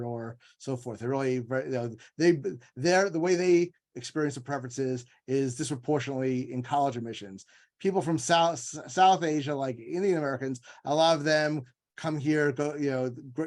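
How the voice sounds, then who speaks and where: On an informal panel discussion, an author and legal scholar guest talks in a discursive, emphatic style, frequently performing imagined quotations. His voice sits on the high side and sounds a little mellow.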